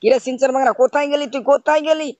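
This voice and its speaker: High and barely shifting in pitch, a slightly mellow voice rattles off very fast, uncle-style scolding commentary on a game, again and again asking "bujhchhis?" to see if he's understood. There's no room sound, and the quality is lo-fi.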